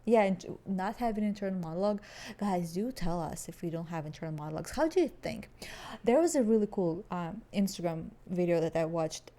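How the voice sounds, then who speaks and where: In casual chat, a woman co-hosts a podcast in English, which isn't her first language. Her voice is fairly low and warm, with lively intonation and a slightly fast pace. She's chatty and wanders into tangents as she thinks out loud.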